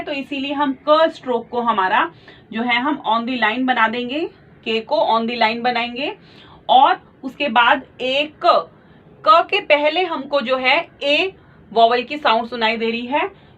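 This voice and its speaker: Woman teaching shorthand, slow patient explaining, bit high, muffled recording. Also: a bit bright. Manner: slow, patient, repeats each point, mixes English terms into Hindi. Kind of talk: explaining lesson at a board. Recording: muffled lo-fi audio.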